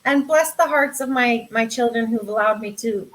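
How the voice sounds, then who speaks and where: An older woman and grandmother chatting casually, telling stories about her grandchildren in a warm, chatty way. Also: fairly high pitch, normal speed, low-quality recording. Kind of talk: casual chat.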